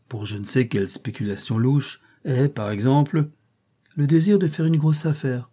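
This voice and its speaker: A man's voice: mid-range voice, warm tone, close to an everyday voice. A man reading as a mocking bandit captain. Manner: ironic, mocking. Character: cynical male bandit captain, mocking and bold. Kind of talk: audiobook reading.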